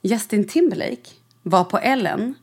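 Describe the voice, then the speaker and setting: A woman in casual chat who throws in quick teasing asides and questions. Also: medium pitch, expressive, slight background noise.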